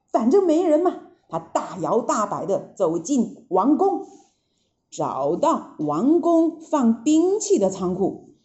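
A woman narrating a classic children's story in an expressive, drawn-out way. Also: on the high side. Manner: lively, expressive, drawn-out phrasing. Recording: dull lo-fi recording.

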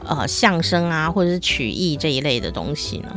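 Casting: a Taiwanese male talk-show host with a bouncy, animated voice, chatty and laughing easily, faint music in the background. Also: fairly high pitch, brisk. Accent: Taiwanese Mandarin. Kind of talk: casual interview chat.

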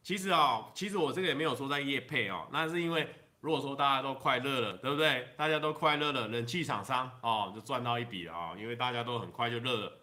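A man with a Taiwanese Mandarin accent chatting casually on a livestream, rambling through jokes with drawn-out particles and chuckling at his own punchlines. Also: medium pitch, bright, forceful tone.

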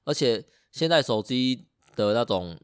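A man co-hosting a relaxed podcast speaks at a middle pitch. He teases his co-host in a wry, easy way. The recording is close and dry. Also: measured pace, smooth, no echo. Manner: teasing, wry. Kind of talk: casual chat.

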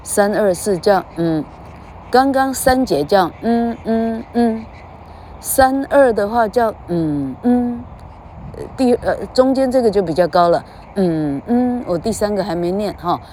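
A woman's voice: medium pitch, expressive, unhurried, warm tone, slight background noise. A woman giving a comedic mock English lesson, lecturing and singing out long drawn vowels. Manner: lecturing, sings out drawn vowels, tags lines with "哈".

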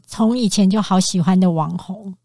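A young woman chatting as a podcast guest, animated and quick to laugh. Her pitch sits in the middle range. The recording is dry and close. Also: no echo. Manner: animated storyteller, laughs often. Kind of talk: casual chat.

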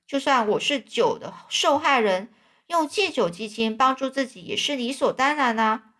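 A brash old conman-preacher who brags and scolds, played by a woman reading a storybook aloud. The voice sits a little high and runs at an even pace. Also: moderate pace, full character voice. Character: boastful old male swindler preacher.

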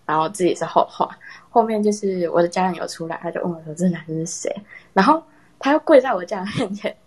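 A young woman casually telling a personal story in a chat with friends, animated and laughing often. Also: lowish voice, fast talker, breathy edge. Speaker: storyteller in a horror story contest.

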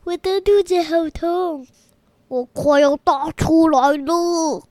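A woman voicing a silly, greedy orange cat who talks in a whiny, drawn-out way in a children's storybook. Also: very high voice, darkish tone, dry recording, voice pushed up.

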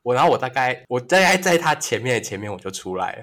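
Young man, gossipy storyteller, lively swooping pitch, casual podcast chat. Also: fast. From Taiwan. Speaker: podcast co-host.

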